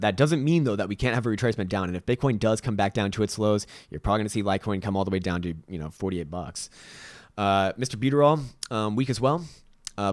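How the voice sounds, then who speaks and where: Fast-talking raspy man with a Latvian accent. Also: on the low side, no room sound, clean studio sound. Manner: self-deprecating, informal asides. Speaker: host, market analyst. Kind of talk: casual live chart commentary.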